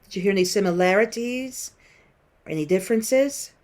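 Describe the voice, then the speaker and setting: In online classroom talk, a guest-teaching musician in her late fifties swaps stories and questions with students in a conversational style. She speaks a little fast at medium pitch, sounding expressive and a little mellow.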